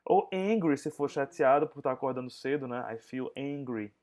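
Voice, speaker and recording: A male teacher running an English review class over a video call, his pitch sitting mid-range for a man. He moves between explanations and slow, careful English words for students to repeat. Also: darkish tone. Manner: mixes English and Portuguese, drills pronunciation slowly.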